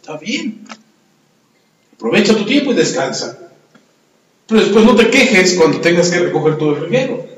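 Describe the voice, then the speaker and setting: A pastor preaching a sermon and telling stories, often putting questions to the congregation. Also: male voice, high-pitched, big pitch swings, moderate pace, pauses often. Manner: storytelling, asks the congregation questions. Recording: echoey hall, long reverb.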